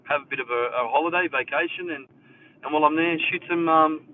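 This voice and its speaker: A man's voice: fairly high pitch, quick pace. A man with an Australian accent, a hairdresser, chatting casually with viewers from his mother's house. He rambles with many fillers and leans hard on his main points. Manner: rambling, filler-heavy, emphatic on key points. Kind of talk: casual live chat with viewers. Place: indoors at his mother's house, air conditioner running. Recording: tinny phone-like sound, distant from the mic, faint noise.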